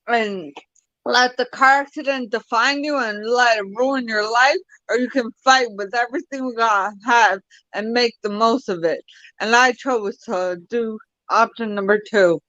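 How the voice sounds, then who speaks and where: Young woman, fairly high voice, halting speech, dry dull call audio. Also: a bit bright, dry recording. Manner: halting, many restarts and fillers. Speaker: guest. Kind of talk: personal story in an interview. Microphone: video call.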